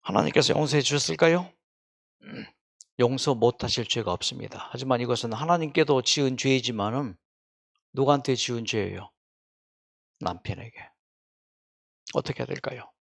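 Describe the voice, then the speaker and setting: Gravelly man lecturing to a hall. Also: mid-range voice, moderate pace, pauses often. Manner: storytelling with questions to the audience. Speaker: health lecturer.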